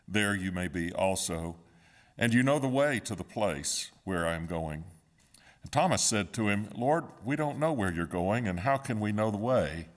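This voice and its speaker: Man, pastor, deep low voice, calm measured scripture reading, pulpit in a sanctuary. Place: church sanctuary. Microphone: standing at a pulpit, far camera.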